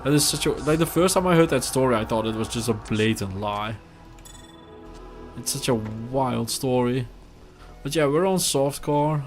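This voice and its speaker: Mid-range and at normal speed, this voice belongs to a man in his thirties from the Netherlands with a Dutch accent. Game music runs beneath him as he plays live, chatting in a relaxed way and replying to his stream chat between game moves.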